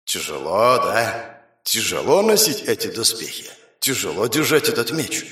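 Man voicing a sinister male demon, slow sneering taunts, storybook villain, animated pitch swings. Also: echoey room, heavily acted. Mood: taunting.

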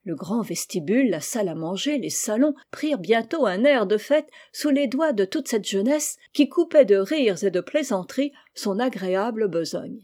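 A woman reading a children's novel aloud in a gentle, even storybook style, lightly voicing the characters' lines. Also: mid-range voice, normal speed, few pauses. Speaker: audiobook reader. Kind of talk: storybook narration.

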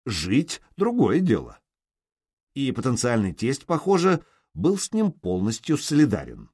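A man's voice: mid-range voice, unhurried, husky, dry recording, studio quality. A man narrating an adventure audiobook, reading expressively. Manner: expressive reading with shifting character voices. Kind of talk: scripted narration.

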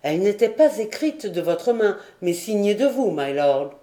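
A woman's voice: mid-range voice, sing-song, moderate pace, mellow, echoey room, close to an everyday voice. A woman doing a bewildered old sailor. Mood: insistent.

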